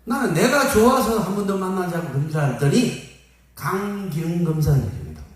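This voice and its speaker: A lively older man with a high voice and a slightly quick pace delivers a folksy storytelling sermon as pastor, mimicking the people he quotes. The sound is from a distant phone camera in an echoey hall.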